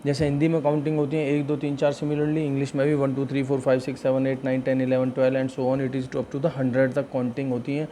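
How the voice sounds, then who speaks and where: A man with a Hindi accent giving a spoken English grammar lecture, explaining step by step and slowing down for English example sentences. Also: mid-range voice, monotone, mellow, slight background noise. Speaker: English teacher.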